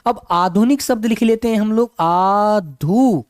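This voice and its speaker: A male teacher with a sore, hoarse throat, leading an online exam-prep class in a calm, unhurried and affectionate way. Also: high voice, no room sound, clean studio sound.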